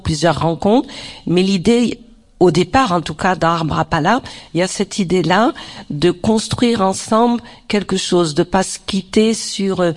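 A woman facilitating a group discussion, speaking off the cuff and pausing to rephrase. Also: lowish voice, a little mellow. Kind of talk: introducing a group discussion, unscripted.

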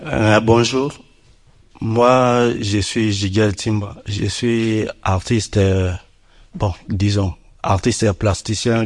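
A man giving personal testimony to a group in halting non-native French, repeating and searching for words. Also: on the low side. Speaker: artist and graphic designer.

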